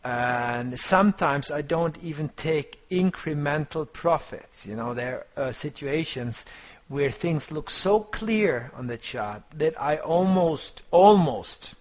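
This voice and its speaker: A man's voice: a little high, slow. A man teaching a trading course, coaching his students in a motivational way and often searching for words. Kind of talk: online course lecture. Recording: dull lo-fi compressed audio.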